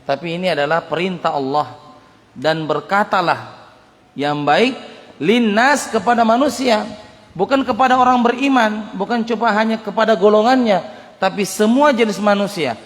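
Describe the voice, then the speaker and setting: A male religious teacher lectures with a fairly high voice. He explains in an unhurried, repetitive way. The voice trails in a long reverb, as in a large prayer hall. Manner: explanatory, repeats points, mimics harsh speech for examples. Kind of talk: dawn study lecture explaining a book.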